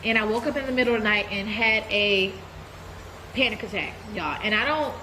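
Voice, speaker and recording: In a rough recording with slight background noise, a vlogger with a stuffy cold talks fairly quickly in a mid-range voice. She gives a casual, candid life update to camera, relaxed and addressing her viewers as "y'all."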